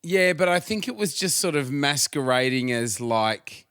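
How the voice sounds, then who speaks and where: A man's voice: medium pitch, lively intonation, normal speed, fairly bright tone, clear, resonant tone, no echo, clean studio sound. A middle-aged man with an Australian accent, co-hosting a casual podcast chat in a laid-back, sweary way. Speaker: podcast co-host.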